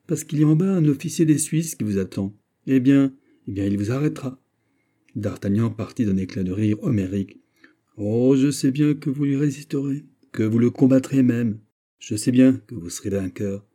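A man reading an audiobook and voicing an earnest, calm young nobleman who pleads and warns. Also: mid-range voice, natural voice.

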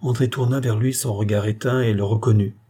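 A man narrates a classic novel as an audiobook in a measured, solemn manner. His voice is low and dark, with a husky grain running through it. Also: fairly even intonation. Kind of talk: scripted narration.

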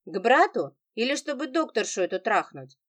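A woman's voice: a little high, very animated, normal speed, a bit bright. A woman reading an audiobook, voicing a venomous, mocking wife who speaks with biting sarcasm.

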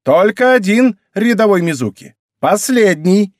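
A man voicing a bossy young girl who plays a drill sergeant and shouts commands. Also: on the high side, wildly swooping pitch, a little fast, no room sound, clean studio sound, pitched above the performer's own voice. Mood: bossy, shouting.

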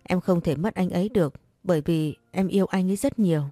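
A woman's voice: lowish voice, fast, dark tone, no echo, natural voice. Woman reading a heartbroken young woman pleading. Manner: pleading, desperate. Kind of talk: audiobook character reading.

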